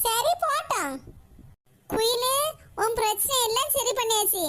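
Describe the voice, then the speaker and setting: Woman voicing a kindly cartoon aunt, very high-pitched. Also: unhurried, fairly bright tone. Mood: soothing. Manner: soothing, coaxing, calls others "makka". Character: kindly older aunt, forgiving and motherly. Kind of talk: cartoon voice acting.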